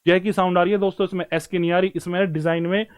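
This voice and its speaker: A man's voice: high voice, little pitch movement, fast, smooth. A man teaching stenography in an online class, talking to his students as brothers and friends while he writes strokes and explains them.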